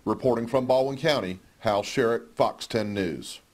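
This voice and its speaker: A man's voice: mid-range voice, normal speed. A man narrating a scripted television news story as a field reporter.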